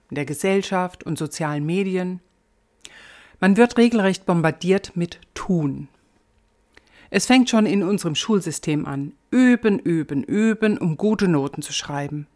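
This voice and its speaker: Woman, lower-pitched voice, measured and gently instructive, scripted spiritual reflection addressed to the listener. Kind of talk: scripted devotional talk with guided reflection.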